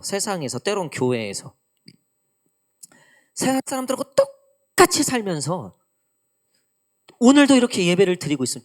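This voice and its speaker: A woman pastor preaching a midweek church sermon in an animated way, acting out quoted lines. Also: fairly low pitch. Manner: animated preaching, acts out God's teasing lines. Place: church sanctuary.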